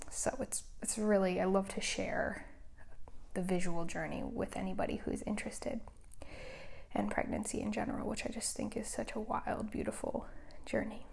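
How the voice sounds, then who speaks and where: A woman hosts her own podcast from home, speaking in a soft, hushed near-whisper. Her voice carries a steady gravelly fry, and she talks in an easy, casual way. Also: mid-range voice. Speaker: podcast host. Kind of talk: casual solo podcast monologue. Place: at home, someone in the next room.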